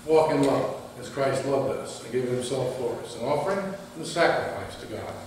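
Priest's prayer in a cathedral echo. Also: male voice, medium pitch, background noise. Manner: steady, measured recitation. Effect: cathedral echo, heard from far off. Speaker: priest leading a Eucharist. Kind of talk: liturgical prayer. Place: large church. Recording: echoey large church, distant mic.

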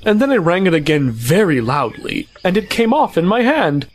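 A man's voice: high voice, sing-song, moderate pace, a little hiss or hum. A man voicing a pompous, long-winded old male owl in an amateur family audio drama. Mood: proud. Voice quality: fussy, long-winded, self-important.

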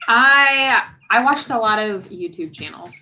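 A woman in her twenties speaking as a guest over a video call from home, hesitant and halting. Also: fairly high pitch, animated, sharp tone, rough recording. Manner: hesitant, halting, with small laughs. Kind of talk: casual video call chat. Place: room at home, indoors. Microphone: webcam on a video call.

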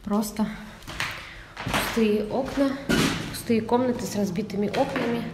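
A woman giving casual walking commentary as she explores an abandoned building, often dropping her voice to a hush. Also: on the high side, a little slow, heavy background noise. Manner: chatty, half-hushed, often drops to a whisper. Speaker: urban explorer vlogger. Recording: echoey empty rooms with music. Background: background music.

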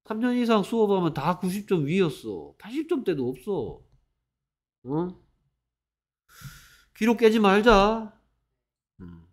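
A man's voice: high voice, very animated, normal speed, a little mellow. A man teaching an English grammar lesson, scolding students and acting out example sentences.

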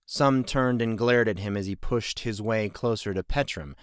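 A man reading fantasy audiobook narration in a measured, even way. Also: lowish voice, clean tone, no room sound, studio quality. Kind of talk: scripted narration.

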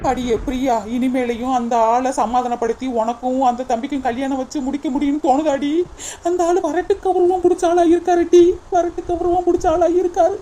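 A woman's voice: high voice, warm tone, natural voice. A woman doing a blunt scolding village auntie. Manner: scolding, calls the girl "di".

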